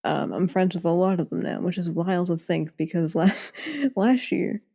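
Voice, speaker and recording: A woman's voice: on the low side, fairly even intonation, normal speed, gravelly, warm tone. A woman hosting a podcast in a casual chat, laid-back and giggly. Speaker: podcast host.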